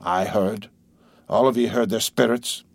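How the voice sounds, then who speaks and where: A man voicing a gloomy, superstitious old sailor speaking gravely. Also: fairly low pitch, steady tone, unhurried, no echo. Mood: ominous. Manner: grave, ominous.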